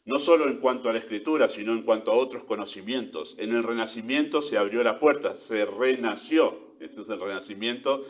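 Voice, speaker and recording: Male Argentine pastor, lower register, earnest expository preaching with rhetorical tag questions. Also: a little fast, hardly any pauses. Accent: Argentine Spanish. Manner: earnest preaching, stresses key words, rhetorical "¿sí?" and "¿no?". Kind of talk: sermon.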